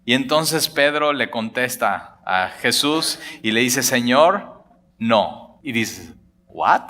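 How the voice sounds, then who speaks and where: A man preaching a sermon as pastor, retelling a story with lively acted-out dialogue and jokes. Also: medium pitch, slow.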